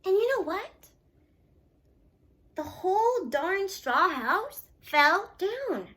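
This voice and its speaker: Lady reading as a sly storybook wolf guy, high bright voice, chatty and fake innocent. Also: very animated, drawn-out words, exaggerated voice. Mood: dramatic, self-excusing. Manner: chatty, mock-innocent, emphatic. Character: sly, self-excusing male storybook wolf telling his side.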